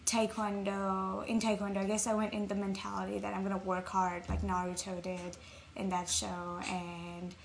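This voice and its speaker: Flat, gravelly-voiced young woman. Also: mid-range voice. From Nepal. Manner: reflective, measured, with frequent ums. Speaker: interview guest. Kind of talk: casual interview. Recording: faint background noise.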